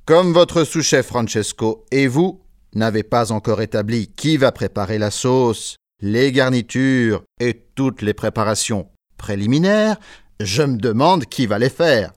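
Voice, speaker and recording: A man's voice: mid-range voice, expressive, a little slow, no echo, clean studio sound, lightly acted. A man playing a stern head chef who gives orders to his kitchen brigade in a scripted textbook dialogue. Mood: firm. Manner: firm, commanding.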